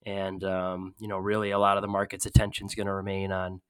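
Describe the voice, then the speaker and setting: A man, a market analyst, giving steady podcast commentary with many "you know"s. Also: low voice, quick pace, clear, resonant tone, no room sound, rough recording.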